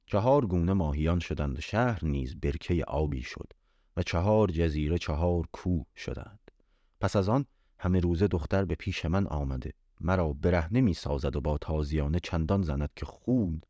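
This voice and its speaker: A man reading an old tale aloud as storyteller, in measured old-style narration with an occasional casual aside. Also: sits low, warm tone, no echo. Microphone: home voice-message recording.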